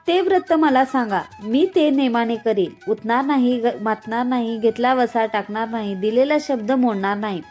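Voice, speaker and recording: A woman's voice: fairly high pitch, normal speed, few pauses, a little mellow, natural voice. A woman voicing an anxious young female servant who talks nervously and earnestly, over faint music.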